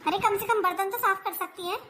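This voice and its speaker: Skit figure: bright high voice as a sulky young daughter-in-law, whiny and argumentative, faint hiss. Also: fairly even intonation, quick pace. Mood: arguing. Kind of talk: family comedy skit.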